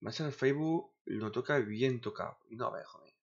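Grumbling streamer, lo-fi sound. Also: male voice, mid-range voice, fairly quick, husky. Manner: grumbling, swears often, talks to himself. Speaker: gaming streamer. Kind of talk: casual streaming chatter. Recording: dull lo-fi sound.

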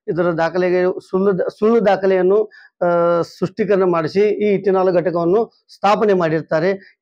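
A middle-aged man, a local resident, making a halting appeal at a press conference with frequent fillers and restarts. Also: high voice, darkish tone, no room sound, dull audio. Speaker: local resident voicing a complaint. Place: small indoor room, seated among a group.

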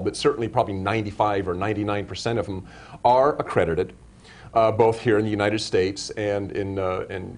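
A man hosting a live web broadcast interview, asking long, rambling questions full of restarts and self-corrections. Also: lowish voice. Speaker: show host.

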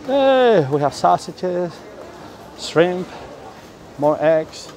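Gravelly Spanish-born man vlogging. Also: high voice, extremely slow. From Spain. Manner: chatty, excitable, lots of fillers. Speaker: vlogger touring the food halls. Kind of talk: casual walking vlog. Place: indoor cafeteria and dining hall. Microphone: phone camera at arm's length. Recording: noisy phone recording.

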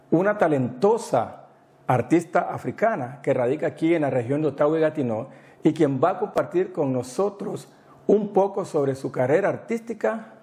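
Middle-aged male interview host, slightly high voice, mellow timbre, chatty, lapel mic. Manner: warm, chatty questions with a little English mixed in. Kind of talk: friendly interview in a studio. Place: small indoor studio, seated.

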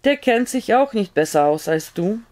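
A woman's voice: medium pitch, expressive, normal speed, darkish tone, close to an everyday voice. A woman voicing an injured male frontier doctor who gives sober, matter-of-fact instructions in an audiobook reading. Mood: calm.

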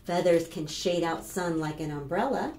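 A children's librarian in her fifties with an American accent hosts storytime, reading aloud and doing rhymes for preschoolers. Her voice is on the low side at a normal speed, expressive and instructive as she asks the kids questions. The small plain indoor room gives a roomy echo, with clear background noise.

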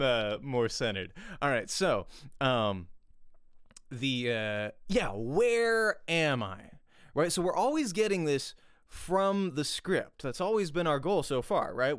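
With a fairly high, resonant voice that swings widely in pitch, a man in his thirties teaches acting over livestream at a measured pace, sounding a bit bright and clear with no echo. He keeps it conversational, often asking "right?", speaking close to a pop-filtered studio mic in a small room with headphones on.

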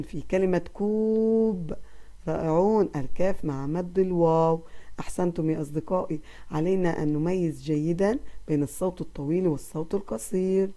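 A woman teaching a recorded lesson to kindergarten children. She praises them gently often and draws out sounds for them to repeat. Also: fairly low pitch.

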